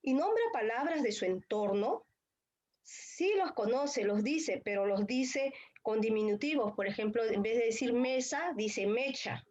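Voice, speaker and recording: A woman's voice: a little high, lively intonation, a little slow, a little mellow. A female student acting out a speech therapy consultation, hesitant with many fillers, over a video call. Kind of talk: clinical role-play practice.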